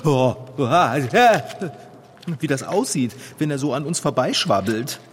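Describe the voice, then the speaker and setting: Ein Mann spricht einen ängstlichen, schreckhaften Begleiter in einem Hörspiel. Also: male voice, mid-range voice, sing-song, a little slow, a little hiss or hum. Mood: nervous. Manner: anxious, easily startled. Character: timid, jumpy male sidekick.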